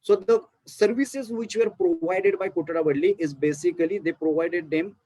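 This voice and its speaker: A man's voice: sits high, expressive, moderate pace, warm tone, no echo, low-quality recording. A man with an Indian English accent giving an academic talk on archaeology, explaining step by step with many fillers. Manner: explanatory, frequent fillers and restarts. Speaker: archaeology lecturer. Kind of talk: academic presentation.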